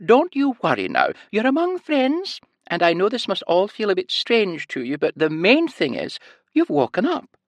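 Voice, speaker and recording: A man voicing a small, elderly, cheery Scottish woman nurse who talks in a high sing-song and leans on certain words. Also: wildly swooping pitch, moderate pace, no room sound, exaggerated voice. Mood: sweetly cheery.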